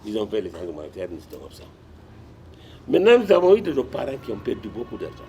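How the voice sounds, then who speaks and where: A low-voiced older man tells his stories in a sit-down interview. His pitch rises and falls widely as he goes. He restarts and repeats himself often. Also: fast, slight background noise. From Guinea. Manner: animated storyteller with frequent restarts and repetitions. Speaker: retired sports administrator and guest.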